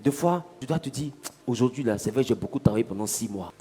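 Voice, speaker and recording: A man's voice: medium pitch, lively intonation, quick pace, mellow. A man preaching a sermon, questioning the congregation and acting out little scenes. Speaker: pastor.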